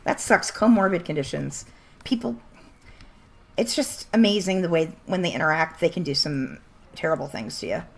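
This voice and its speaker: While streaming a game, this woman chats in a casual, blunt way, laughing a lot and beginning to lose her voice. Her pitch is fairly low, her pace is normal, and her tone is creaky.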